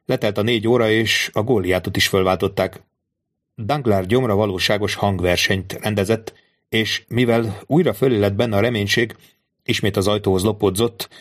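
A man reading a classic novel aloud as an audiobook narrator, in a steady, measured storytelling manner. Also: lowish voice. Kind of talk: scripted literary narration.

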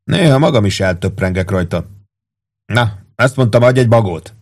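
A man voicing a laid-back, teasing male first sergeant with an easy, calm way of talking. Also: on the low side.

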